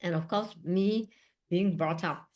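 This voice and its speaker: Unhurried and a little mellow, her voice sits at a fairly low pitch. She's a sixty-something surgeon from Singapore, speaking as a guest at a museum event via video call, sincere overall but given to friendly asides.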